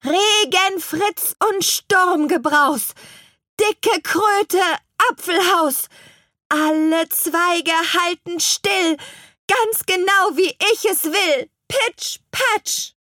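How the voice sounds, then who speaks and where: A squeaky, sing-song fairy-tale witch. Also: extremely slow, pushed and bright, dry recording, studio quality, exaggerated voice. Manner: high, sing-song rhyming. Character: witchy tree-house woman casting spells.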